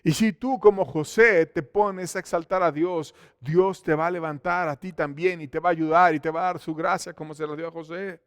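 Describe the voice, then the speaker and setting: Man, pastor, church sermon, high-pitched, dry close sound, emphatic with hushed asides. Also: steady tone, moderate pace, hardly any pauses, smooth, dry recording. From Mexico. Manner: emphatic preaching that swings between loud exclamations and hushed, intimate asides.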